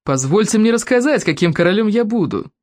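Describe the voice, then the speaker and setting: A man's voice: high voice, animated, a little fast, darkish tone, no room sound, pitched above the performer's own voice. A man voicing a treacherous one-eyed villain king in an audiobook, with a sugary, gloating, mocking way of speaking. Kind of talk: audiobook character voice.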